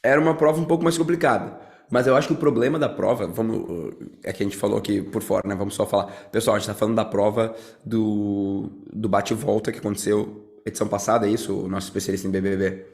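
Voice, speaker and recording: A man hosting a casual podcast chat, relaxed, ending many phrases with a tag question. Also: fairly low pitch, fast, gravelly, hardly any pauses.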